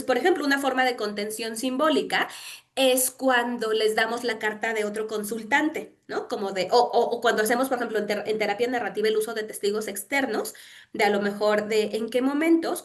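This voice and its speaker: A middle-aged woman, a therapist answering questions in a live session, talking conversationally with many tag questions and fillers. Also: medium pitch. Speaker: therapist and teacher. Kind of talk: live Q&A explanation.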